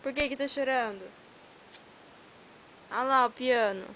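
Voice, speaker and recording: A woman speaks to her baby in a high, slow, coaxing singsong, teasing him gently as she films. The audio comes from a hissy home camcorder in a room at home. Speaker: mother filming her baby. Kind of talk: home video baby talk. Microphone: handheld home video camera.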